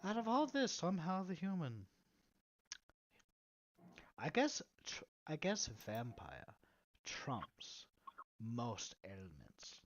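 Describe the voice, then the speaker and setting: Rambling man with a lively voice. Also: on the high side, slow, long pauses. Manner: rambling, drops to asides. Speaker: player. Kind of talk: casual tabletop role-play. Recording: slightly muffled with faint hiss.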